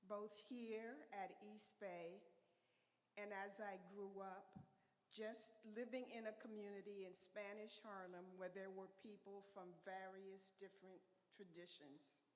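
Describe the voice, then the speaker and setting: A woman from Honduras speaks slowly and reflectively as she shares stories with a church congregation. Her voice sits at a middle pitch and carries a long reverb from the hall. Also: steady tone. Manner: reflective, storytelling, unhurried. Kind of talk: personal talk to a congregation.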